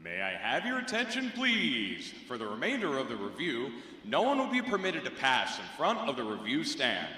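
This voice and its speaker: A man's voice: mid-range voice, wildly swooping pitch, normal speed, pushed and bright. A man making a formal public address announcement at a ceremony. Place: large indoor drill hall. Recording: echoey hall PA with faint noise.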